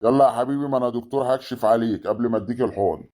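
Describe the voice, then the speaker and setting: A woman's voice: a bass voice, racing, dark tone. A woman voicing an impatient school doctor who barks short orders. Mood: curt. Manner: curt barked orders.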